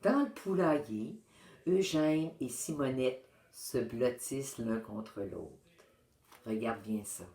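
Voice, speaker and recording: A woman reading a children's novel aloud, expressive and talking to young listeners. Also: extremely low pitch, takes it slowly. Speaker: storyteller. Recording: roomy echo.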